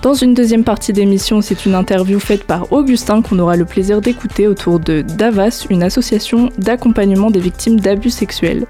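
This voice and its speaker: A woman hosts a live radio show from a studio, her voice mellow and warm. She reads her introductions smoothly and chats with her guests in a friendly way. Faint music sits in the background. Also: medium pitch, brisk, hardly any pauses.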